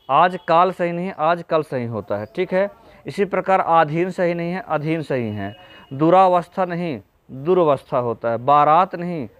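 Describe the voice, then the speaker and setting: A man's voice: fairly high pitch, no room sound, highs cut off. A man teaching an exam-prep spelling lesson, patiently going through correct and incorrect word forms and addressing viewers as friends.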